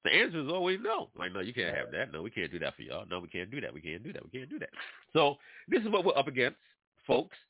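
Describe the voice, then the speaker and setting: A New York man hosts an internet radio show, delivering a casual talk-radio monologue straight to his listeners in an animated, preachy manner while congested from allergies. His mid-range voice moves at a quick pace, and the recording is dry and tinny, like a phone.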